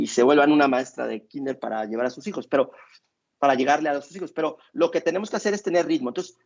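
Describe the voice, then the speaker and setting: A man's voice: a little high, vocal fry. A man, a doctor giving parenting advice to listeners, hesitating often and repeating words as he explains. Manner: hesitant, with many filler sounds and repeated words. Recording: dull lo-fi recording.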